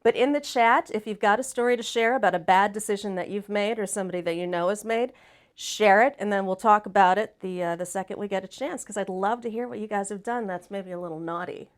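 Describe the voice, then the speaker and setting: A woman with a raspy voice, hoarse from laryngitis, chatting casually and emphatically as a folksy livestream host. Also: medium pitch, fast. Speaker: live stream host.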